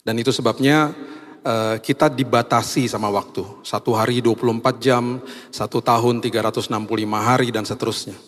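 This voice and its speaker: A man pastor preaching a sermon with a hoarse voice, stressing key phrases slowly and emphatically. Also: mid-range voice, fairly even intonation. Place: church hall. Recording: long hall reverb.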